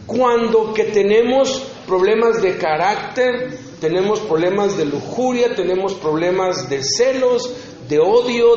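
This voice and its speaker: A man preaching a sermon, earnest and personal, acting out short dialogues as he tells his story. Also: sits high. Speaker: preacher at a prison ministry congress. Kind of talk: sermon teaching. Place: conference hall. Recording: echoey hall, dull sound.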